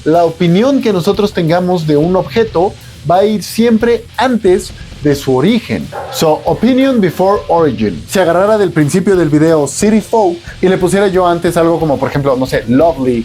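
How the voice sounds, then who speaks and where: A man's voice: high voice, expressive, moderate pace, darkish tone, soft background music. A man with a Mexican accent, teaching an English lesson in a casual, joking, slangy tone. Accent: Mexican Spanish.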